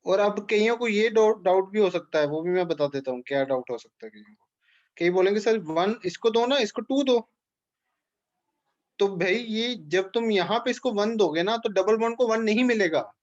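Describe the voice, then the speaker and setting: A man's voice: very high voice, lo-fi sound. A man teaching an organic chemistry class, explaining step by step and checking in with questions to his students. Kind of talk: classroom lecture.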